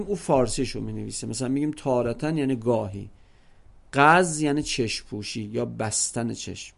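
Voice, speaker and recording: A middle-aged man teaching an Arabic class, explaining exam question types slowly and repeating each example several ways. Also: fairly high pitch, gravelly.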